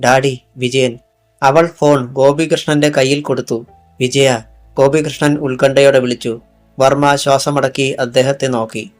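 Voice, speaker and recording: A man's voice: medium pitch, level tone, normal speed. Male audiobook narrator, faint music. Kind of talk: scripted narration.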